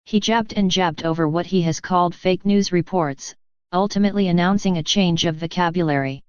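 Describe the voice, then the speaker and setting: A woman reading scripted news narration in an even, measured way. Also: lowish voice, clean tone, dry recording, dull audio.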